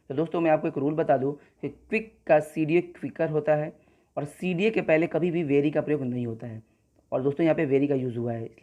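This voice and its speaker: A man's voice: a little high, a little mellow. Man teaching grammar, dull lo-fi sound. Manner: explains step by step, often addressing viewers as friends. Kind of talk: exam-prep grammar lesson.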